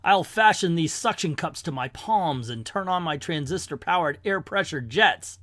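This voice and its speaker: A heroic armored avenger acted out by a man makes grand, solemn declarations. The voice is fairly high for a male, theatrical in a comic-book way, and recorded dry. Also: animated, moderate pace, bright, forceful tone, dry recording. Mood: determined. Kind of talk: comic book hero read-aloud.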